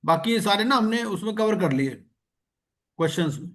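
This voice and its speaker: A man teaching an exam-prep lecture, reading legal text slowly and explaining it. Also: high-pitched, lively intonation, fairly bright tone.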